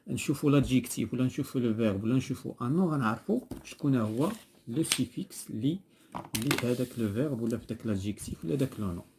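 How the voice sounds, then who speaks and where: A man's voice: medium pitch, dark tone, a little hiss or hum. A man with a Moroccan Arabic accent teaching a French lesson in class, patiently repeating terms and prompting a pupil to finish words. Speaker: primary school French teacher.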